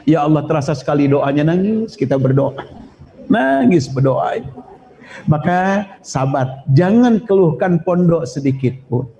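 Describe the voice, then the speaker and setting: A man's voice: fairly high pitch, unhurried, dull audio. A man preaching a sermon to parents, telling humorous stories and urging patience. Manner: storytelling, humorous, animated exhortation. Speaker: Islamic preacher.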